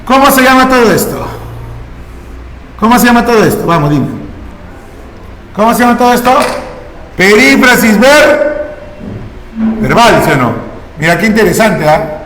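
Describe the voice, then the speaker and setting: High-voiced man teaching in echoey classroom. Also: sing-song, normal speed, long pauses, a bit bright, slight background noise. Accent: Peruvian Spanish. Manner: questioning, coaxing students with repeated prompts. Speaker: language teacher. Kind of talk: classroom grammar lesson. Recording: echoey classroom with long reverb.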